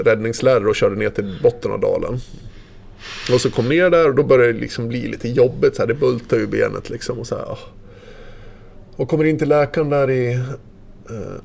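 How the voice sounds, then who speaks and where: Gravelly-voiced man telling a story. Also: mid-range voice, darkish tone, a little hiss or hum. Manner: vivid, loose retelling full of fillers and mild swearing. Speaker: former ski racer guest. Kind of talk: casual storytelling.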